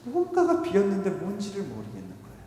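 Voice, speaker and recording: A man, a missionary, preaching a revival sermon and telling stories with acted quotes, swinging between loud and soft. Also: high-pitched, huge pitch swings, fast talker. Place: church sanctuary. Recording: echoey church hall, faint noise.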